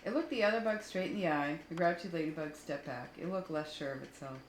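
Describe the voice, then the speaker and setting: A children's story reader with a fairly low voice tells stories aloud expressively, stopping now and then to explain things to her young listeners. The recording sounds roomy, with faint background noise.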